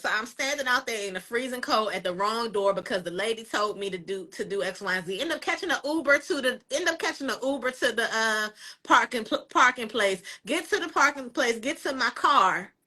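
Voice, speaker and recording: Brief: woman, co-host, punchy and bright, dramatic casual storyteller. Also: high voice. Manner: animated, dramatic retelling with asides to listeners.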